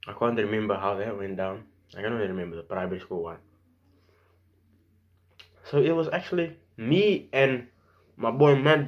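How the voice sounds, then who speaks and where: A young man telling a story casually to camera in animated slang, acting out bits of dialogue. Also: mid-range voice, lo-fi sound. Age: young adult. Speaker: vlogger. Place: small room at home.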